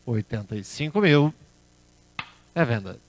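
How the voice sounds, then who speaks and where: A man's voice: medium pitch, expressive, measured pace, a little hiss or hum. A man working as an auctioneer, calling bids at a car auction in a repetitive chant.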